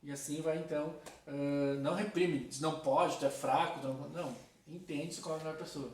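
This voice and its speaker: Speaking fairly quickly in a steady, darkish voice on the high side, a man teaches philosophy informally and addresses his students directly. The lecture recording is roomy and taken from a distance.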